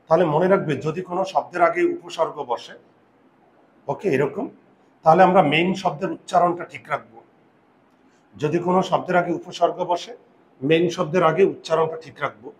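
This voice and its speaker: A man teaching a grammar lesson to a class. He repeats rules, slowly draws out example words and keeps checking that students follow. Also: a little high, reverberant, slight background noise, rough recording. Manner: repeats rules, quizzes students with "বোঝা গেল?"; patient, drawn-out pronunciation of example words.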